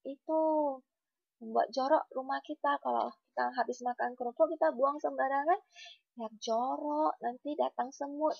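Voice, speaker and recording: A woman teacher giving a gentle, repetitive lesson to young children, often checking in with them. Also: fairly high pitch, gravelly, no room sound, lo-fi sound.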